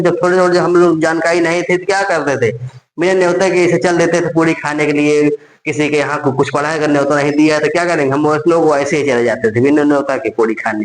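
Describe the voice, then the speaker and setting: A man's voice: a little high, roomy sound, poor audio. A man teaching an exam-prep lesson with memory tricks, repeating each phrase several times and answering his own questions. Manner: repetitive, drills phrases over and over, asks and answers himself.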